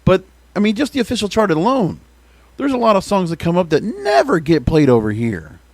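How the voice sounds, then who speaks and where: A man's voice: high-pitched, huge pitch swings, fairly quick, a little mellow, no room sound. An American man hosting a podcast, giving emphatic, opinionated commentary and often putting rhetorical questions to the listener. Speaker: podcast host. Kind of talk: opinionated music radio commentary.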